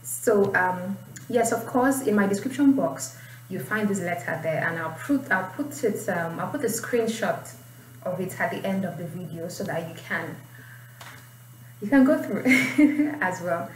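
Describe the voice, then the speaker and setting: In a small indoor room, an IELTS writing teacher, a young Nigerian-accented woman, runs a casual tutorial where she explains and reads aloud. Her medium-pitched voice is animated and a little slow. The recording sounds roomy, with a distant mic and faint background noise.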